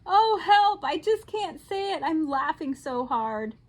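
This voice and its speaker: A woman voicing a large rough male rhinoceros in a picture-book reading, laughing hard and squealing high. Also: sing-song, takes it slowly, heavily acted. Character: big rough male rhinoceros, mocking then giggly.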